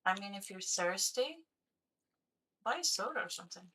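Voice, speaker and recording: A woman's voice: medium pitch, expressive, moderate pace, sharp tone, husky. A young woman live-streaming a city-building game, chatting to her viewers as she builds, with a voice that keeps cracking. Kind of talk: casual live-stream chat while playing.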